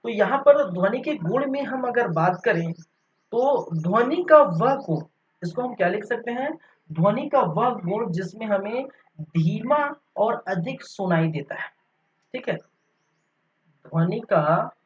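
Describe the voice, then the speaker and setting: A man's voice: high voice, animated. A male teacher quizzing his own class. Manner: explains by asking and answering his own questions, fills pauses with "theek hai". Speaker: physics teacher. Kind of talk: online classroom lecture. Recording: slightly dull recording with faint background noise.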